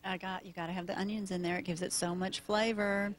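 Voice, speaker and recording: A woman's voice: mid-range voice, little pitch movement, fast. A woman co-hosting a casual morning show, upbeat and chatty with her guest. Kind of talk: casual chat.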